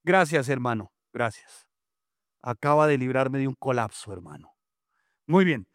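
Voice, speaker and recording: A man preaching as pastor, reading scripture in a slow, drawn-out way and quizzing his congregation with jokes and scolding. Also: mid-range voice, lively intonation, a bit bright, no echo, clean studio sound. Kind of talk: interactive sermon with call-and-response.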